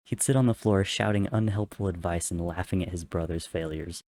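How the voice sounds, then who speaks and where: A man's voice: deep voice, fairly even intonation, a little fast, a little mellow, no room sound. A man narrating fiction aloud as a dramatic reading.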